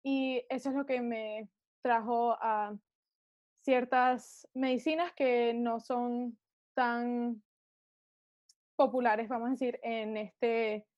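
Young woman, high voice, Spanglish, English-dominant, hesitant, casual podcast guest, close dry sound. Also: steady tone, slow, a little mellow, dry recording, highs cut off. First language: more at ease in English than in Spanish. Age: young adult. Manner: Spanglish, mixing English words into Spanish; hesitant, searching for words. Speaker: podcast guest, student of Chinese medicine. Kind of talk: casual interview.

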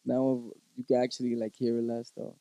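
Laid-back man with a dark voice. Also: medium pitch, a little fast, no echo, low-quality recording. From Puerto Rico. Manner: relaxed, laughs often, mixes in Spanish. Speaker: musician guest. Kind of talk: casual chat.

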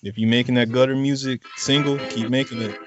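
A man's voice: mid-range voice, fairly even intonation, brisk, muffled recording. A man chatting casually about music with friends in slangy frat-bro talk peppered with "bro".

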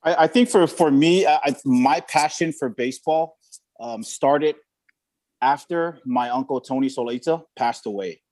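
A man's voice: mid-range voice, a little slow, a little mellow. Hesitant man from Samoa. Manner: hesitant, many fillers and repeated words. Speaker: former college baseball player, guest. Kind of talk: casual interview storytelling.

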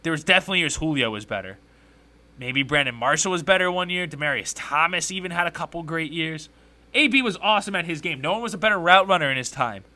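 Bright-voiced man ranting about sports. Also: a little high, fast talker. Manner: opinionated, rambling, conversational. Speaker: podcast host. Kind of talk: casual sports talk commentary.

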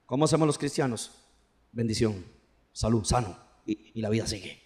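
A man's voice: fairly low pitch, animated, normal speed, darkish tone. A man preaching a fervent sermon in church, urging the congregation to respond aloud. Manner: fervent, rising and falling preaching with call-and-response. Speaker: pastor.

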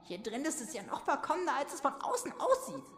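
A woman's voice: sits high, very animated, quick pace, a bit bright, a little hiss or hum. A woman playing an earnest, level-headed companion in a comedy audio play. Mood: eager.

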